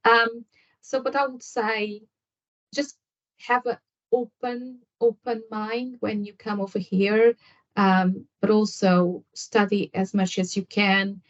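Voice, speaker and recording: On a nursing podcast, an Angolan nurse whose first language is Portuguese answers at length, with many fillers and restarts. Her voice is mid-range and level, and she takes her time. The lo-fi audio sounds slightly dull.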